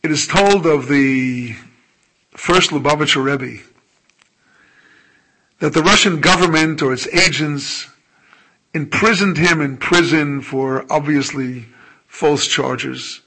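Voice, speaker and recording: A male rabbi giving a sermon in a slow, emphatic way, often letting his phrase endings fall soft. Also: fairly high pitch, rough recording.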